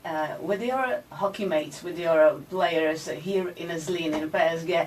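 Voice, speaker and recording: A woman conducts a radio interview with a guest in English, hesitating and using many fillers. Her fairly low voice is slightly mellow and measured, picked up by a distant mic with faint background noise.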